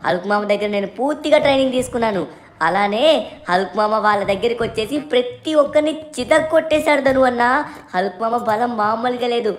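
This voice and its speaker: A woman voicing an excitable, cheeky little boy in a fan dub of game footage. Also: on the high side, fast talker, lightly acted. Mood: chatty. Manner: chattering, excited.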